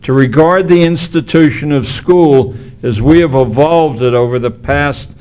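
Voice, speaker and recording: A man's voice: medium pitch, a little slow, a little mellow. A man giving a public lecture, with hesitant starts and a slight lisp from missing front teeth. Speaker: keynote speaker.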